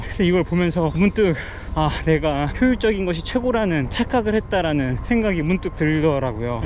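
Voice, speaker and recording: Male fitness vlogger, slightly high voice, explaining casually while running outdoors, faint street noise. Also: darkish tone. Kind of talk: casual explanatory vlog talk.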